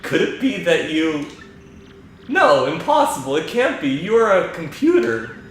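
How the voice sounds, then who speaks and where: A man's voice: fairly high pitch, sing-song, a little slow, heavy reverb, a little hiss or hum, pitched above the performer's own voice. A man doing a polite young princess. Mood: bright. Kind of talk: reading game dialogue aloud.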